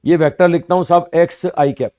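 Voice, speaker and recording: A man teaching physics to students, explaining slowly and repeating points, often asking rhetorical questions and answering them himself. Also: on the high side, darkish tone. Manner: addresses students as "bhaiya" and "sahab". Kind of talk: classroom lecture.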